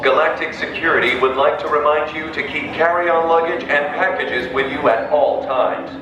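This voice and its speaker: Formal security loudspeaker announcement. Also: male voice, fairly high pitch, fairly even intonation, far from the mic, noisy background. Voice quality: formal, measured announcer delivery. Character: male galactic security announcer, formal and calm. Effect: public-address announcement over a queue loudspeaker. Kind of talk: recorded theme-park announcement. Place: indoor ride queue. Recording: echoey, dull loudspeaker heard from afar.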